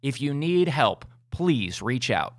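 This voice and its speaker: A man's voice: mid-range voice, sing-song, slow. A man hosting a podcast, closing the episode in an earnest, encouraging way and reading out the outro. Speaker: podcast host. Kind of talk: podcast host wrap-up and outro.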